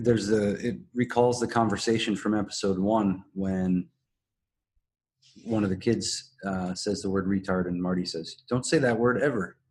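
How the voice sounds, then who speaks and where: A man co-hosting a podcast, explaining and analysing in a measured, casual conversational way. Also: on the low side, a little mellow, slight background noise. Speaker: podcast co-host. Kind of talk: casual analytical discussion of a TV drama.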